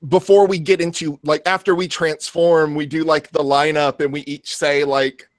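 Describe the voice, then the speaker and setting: A man playing in a tabletop game, eagerly pitching ideas. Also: little pitch movement, normal speed, no room sound, studio quality. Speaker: player. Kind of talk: casual chat at a tabletop game.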